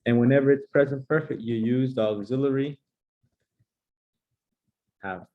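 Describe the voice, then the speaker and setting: Brisk man teaching an English class. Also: medium pitch. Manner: brisk, encouraging teacher drilling grammar. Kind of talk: comedic classroom sketch lesson. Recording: slightly muffled lo-fi recording.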